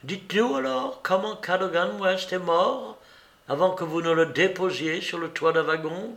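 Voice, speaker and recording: A man's voice: high voice, a bit bright, reverberant, voice pushed up. A man reading a cool, commanding detective. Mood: pressing. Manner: measured, accusing, lecturing.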